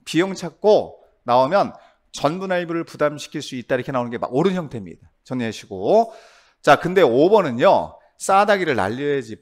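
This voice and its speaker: A man teaching a real estate law exam review, quizzing his class with quick tag questions. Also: fairly high pitch.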